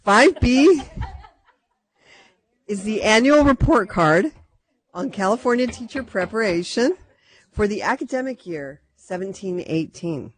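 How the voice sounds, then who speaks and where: A woman chairing a public commission meeting from a table microphone, speaking in formal, measured procedural phrases. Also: medium pitch, lively intonation.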